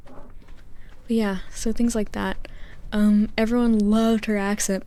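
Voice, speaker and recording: A young woman gently rambling in a soft-spoken ASMR style over gameplay, with whispered asides, close to the microphone. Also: medium pitch. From United States. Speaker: gaming channel host. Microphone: close microphone, spoken softly.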